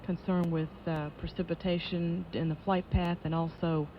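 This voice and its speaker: A woman giving live launch control commentary as an official announcer, in a measured, matter-of-fact way. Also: on the low side, flat delivery. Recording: dull lo-fi broadcast audio with noise.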